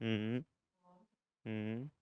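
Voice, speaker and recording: Slow, clear-voiced male language teacher. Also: fairly low pitch, level tone, no room sound, lo-fi sound. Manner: repeats words slowly, drills pronunciation. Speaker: German teacher. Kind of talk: classroom grammar lesson.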